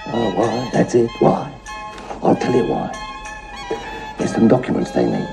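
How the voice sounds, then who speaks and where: Defiant secretive schemer, creaky mellow voice, swooping emphasis, TV comedy-drama, faint music. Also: male voice, fairly low pitch, huge pitch swings, measured pace, full character voice. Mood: conspiratorial, defiant. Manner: emphatic, conspiratorial. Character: secretive, wary man with defiant scheming streak. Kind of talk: naturalistic TV comedy-drama acting.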